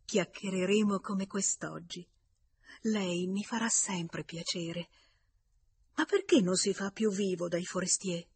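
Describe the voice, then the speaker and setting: Woman putting on a bubbly young lady, husky, breathy, high and exclaiming, storybook. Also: steady tone, slow, no room sound, heavily acted. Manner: bright, exclaiming, louder and higher than the narration. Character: lively, effusive young Parisian lady, woman.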